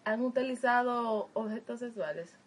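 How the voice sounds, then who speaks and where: A woman's voice: a little high, poor audio. A woman, co-hosting a casual chat, cracking jokes and jumping in on the others. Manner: fast, joking, interjecting. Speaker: podcast co-host.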